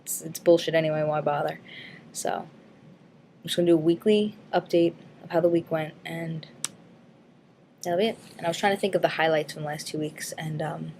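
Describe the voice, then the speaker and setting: A woman's voice: low-pitched, fairly even intonation, normal speed, vocal fry, darkish tone, slight background noise. A woman vlogger chatting casually and frankly in a weekly update, rambling with many ums and likes and the odd swear word. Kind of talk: casual weight-loss update vlog.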